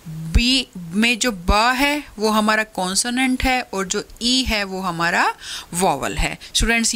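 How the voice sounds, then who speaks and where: A woman teacher giving a lecture, slowly explaining step by step and repeating example words. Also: mid-range voice, pushed and bright.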